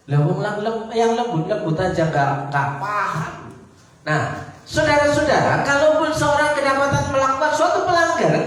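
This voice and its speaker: A man's voice: extremely high pitch, a bit bright. A male pastor with a Javanese-tinged Indonesian accent preaching a sermon, asking the congregation rhetorical questions. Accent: Javanese-influenced Indonesian. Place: church hall, livestreamed service. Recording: echoey church hall, distant mic.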